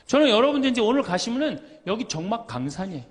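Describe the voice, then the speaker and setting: Priest, middle-aged man, humorous lecture; high voice, lively swings, playful quoting. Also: fast. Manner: lively, joking, quotes people in little voices.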